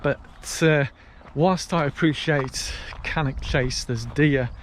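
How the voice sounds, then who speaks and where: A man's voice: fairly high pitch, slow. A British man talking casually to his viewers as he walks outdoors, telling stories in a chatty vlog style. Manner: chatty storytelling while walking outdoors. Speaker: vlogger. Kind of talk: casual walk-and-talk vlog. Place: outdoors on a canal path. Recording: faint outdoor ambience and traffic noise.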